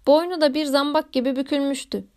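A woman reading a classic novel aloud in a measured, literary narration. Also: sits high, fairly even intonation, darkish tone. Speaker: audiobook narrator. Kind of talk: scripted narration.

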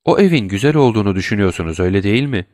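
A man's voice: lowish voice, expressive, racing, darkish tone, no room sound, studio quality, close to an everyday voice. A man voicing a poised noble lady in a storybook. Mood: courteous. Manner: polite, probing questions. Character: poised noble woman, a prosecutor's wife.

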